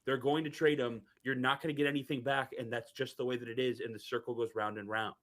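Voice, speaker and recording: A man's voice: mid-range voice, flat delivery, fast talker, fairly bright tone. A man on a sports podcast panel, ranting bluntly in casual chat.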